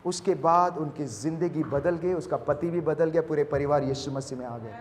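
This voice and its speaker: High-voiced pastor preaching in a hall. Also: male voice, moderate pace, a little hiss or hum. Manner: animated preaching mixing Hindi and English, acting out voices. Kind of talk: sermon. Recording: reverberant hall.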